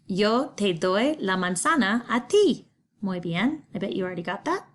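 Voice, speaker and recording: A woman's voice: medium pitch, big pitch swings, moderate pace, a little hiss or hum. Patient woman teaching a Spanish lesson. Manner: patient, explaining step by step. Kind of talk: recorded remote class lesson.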